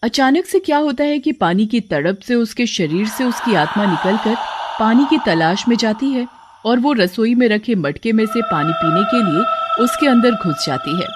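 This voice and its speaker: A woman narrating a village horror story for a cartoon, in an even, steady way. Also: fairly high pitch, moderate pace, very noisy.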